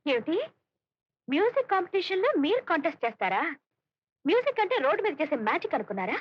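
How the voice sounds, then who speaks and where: A woman's voice: very high-pitched, very animated, fast talker. An actress playing a wealthy young woman in a film comedy, scolding and mocking. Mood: skeptical. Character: rich young woman, sharp and skeptical. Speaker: wealthy heiress. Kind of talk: Telugu film comedy dialogue. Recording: dull film soundtrack.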